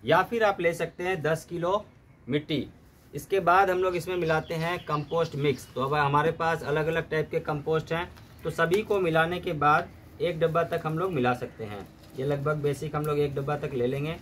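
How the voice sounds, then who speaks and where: Gardening instructor, male, somewhat high voice, steady and methodical how-to delivery, light background noise. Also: moderate pace. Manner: steady step-by-step explaining, mixing in English terms.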